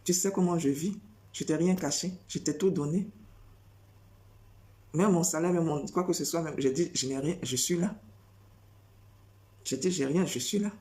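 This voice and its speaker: Une femme qui prêche sans notes, répète ses phrases et enchaîne les questions rhétoriques avec insistance. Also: female voice, low-pitched, normal speed, long pauses, mellow. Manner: repetitive, rhetorical questions, emphatic. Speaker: preacher. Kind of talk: spontaneous preaching monologue.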